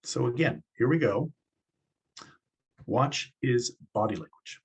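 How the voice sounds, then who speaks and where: A man teaching public speaking, his voice slightly husky and sitting in a middle register. He walks students through each point step by step in an encouraging classroom manner. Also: medium pitch, lively intonation, takes it slowly, poor audio. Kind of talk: classroom instruction.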